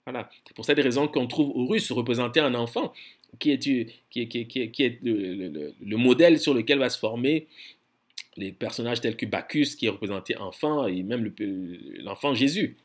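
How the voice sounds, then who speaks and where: Halting man giving a scholarly lecture. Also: mid-range voice. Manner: halting, repeats words while searching for phrasing; slows down to spell out foreign words.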